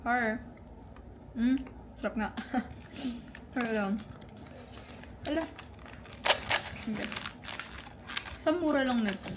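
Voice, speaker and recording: A young woman, chatting excitably to viewers in a casual travel vlog. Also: fairly high pitch, extremely slow, long pauses. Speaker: travel vlogger. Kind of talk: casual vlog chat to camera. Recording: loud background music and crowd noise.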